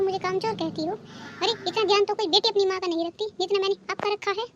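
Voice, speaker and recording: An indignant cartoon daughter-in-law who defends herself and her family, voiced by a woman. The voice is very high, with faint background hiss. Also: highs cut off. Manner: indignant, hurt. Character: hurt, defiant elder daughter-in-law. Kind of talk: cartoon dubbing.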